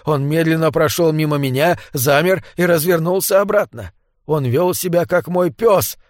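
A man voicing a tense man who speaks in hushed, urgent whispers in a read-aloud story. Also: on the high side, moderate pace, no room sound, studio quality, pitched above the performer's own voice, natural voice. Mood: hushed urgency. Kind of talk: audiobook character voice.

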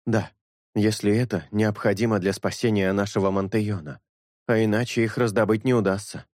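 A man reading an audiobook, voicing an earnest young priest who speaks in a measured, sincere way. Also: on the low side, fairly even intonation, a little mellow, dry recording, studio quality, lightly acted. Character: earnest young male priest, calm and honest.

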